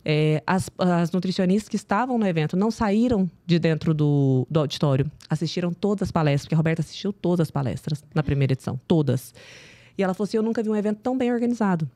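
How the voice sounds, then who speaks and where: Woman, rapid lively storytelling, acts out voices, dry close sound. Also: low voice, no room sound. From Brazil. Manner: animated, acts out quoted dialogue. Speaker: podcast guest, oncology nutritionist. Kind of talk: casual storytelling interview.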